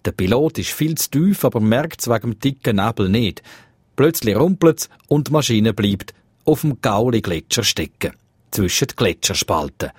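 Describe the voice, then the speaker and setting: A man with a Swiss German accent and a slightly husky voice, narrating a scripted radio feature as a reporter. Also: fairly low pitch, no room sound.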